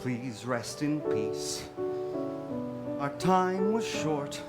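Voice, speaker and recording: A man playing a grieving starship captain in a musical, tender and halting, half spoken and half sung, recorded live. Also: a little high, expressive. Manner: slow, halting, heartfelt. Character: starship captain grieving his dead friend, tender, solemn. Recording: live staged reading with loud piano. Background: piano accompaniment.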